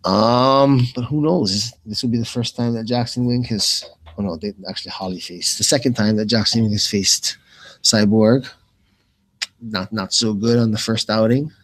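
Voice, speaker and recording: A radio play-by-play host calls a live fight loosely and casually, rambling and often repeating phrases as he thinks aloud. His voice is fairly low and a bit bright, at a moderate pace, and the audio is poor.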